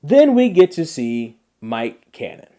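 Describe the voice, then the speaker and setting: A man hosting a podcast, recapping a TV episode in a casual, animated way and repeating phrases for emphasis. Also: on the high side, slow pace, soft background music. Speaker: podcast host.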